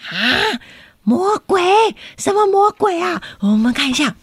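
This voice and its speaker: A woman reading a picture book aloud to children, animated and playful, often asking them questions. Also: very high-pitched, unhurried, no room sound, clean studio sound. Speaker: storyteller.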